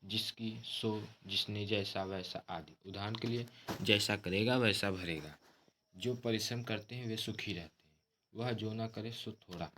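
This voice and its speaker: Low-voiced teacher explaining grammar. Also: male voice, a little slow, a little hiss or hum. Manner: steady explanatory delivery, addresses listeners as friends. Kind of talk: grammar lesson.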